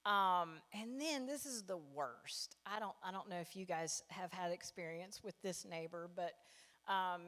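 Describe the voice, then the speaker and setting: A woman's voice: lowish voice, unhurried, a bit bright. Woman comic, storytelling stand-up, long hall reverb. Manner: storytelling, acts out characters with big voice swings. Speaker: stand-up comedian. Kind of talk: stand-up comedy set. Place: church hall with a live audience.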